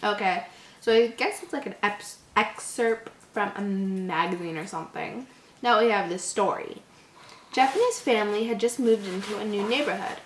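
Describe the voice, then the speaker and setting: This woman, a native English speaker hosting a channel, reads a horror story aloud with giggly asides, stumbling over words now and then. She speaks at a normal speed in a medium pitch. The recording takes place in an echoey indoor room.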